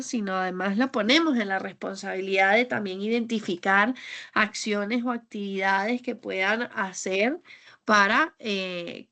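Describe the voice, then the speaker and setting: A woman teaches a communication workshop at mid pitch, her voice carrying a gravelly edge. She talks in a thoughtful, searching way, pausing on fillers and starting phrases over. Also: a bit bright. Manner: thoughtful, frequent fillers and restarts. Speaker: communication coach. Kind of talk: online training lecture.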